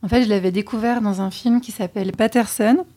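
A chatty woman answering interview questions with a mellow, warm tone. She talks candidly and hesitates now and then as she thinks. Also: mid-range voice, fairly even intonation, fairly quick, slightly rough. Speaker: podcast co-host being interviewed.

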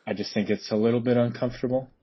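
A man's voice: mid-range voice, fairly even intonation, rapid-fire, breathy edge. A man leaving a rambling, grumbling voicemail, chuckling as he goes. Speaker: voicemail caller. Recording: dull lo-fi voicemail.

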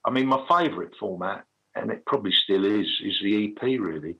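A middle-aged man with a gravelly, husky voice, telling anecdotes casually as an interview guest. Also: on the low side, brisk, lo-fi sound.

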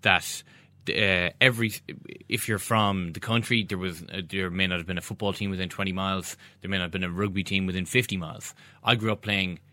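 A man's voice: deep voice, fairly even intonation, brisk, sharp tone, no echo. A man with a west of Ireland accent giving emphatic opinions in a casual sports discussion. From Galway, west of Ireland. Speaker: sports podcast co-host.

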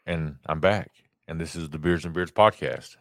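Male podcast co-host, low register, casual conversational delivery, dry close recording. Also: moderate pace, a bit bright, no echo. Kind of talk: casual chat.

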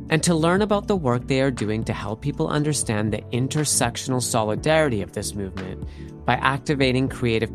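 A man hosting a podcast, reading a formal scripted introduction in a measured way. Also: mid-range voice. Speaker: podcast host.

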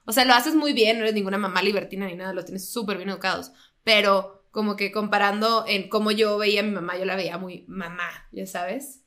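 Bright, slangy Mexican woman host. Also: mid-range voice, steady tone, a little fast. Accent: Mexican Spanish. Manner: slangy, mixes in English words, jokey. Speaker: podcast co-host. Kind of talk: casual chat.

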